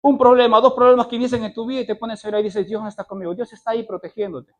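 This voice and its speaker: A man's voice: very high-pitched, fairly even intonation, very fast, a little mellow. A man preaching a sermon, pressing his point with repeated phrases and rhetorical questions, and correcting himself mid-sentence.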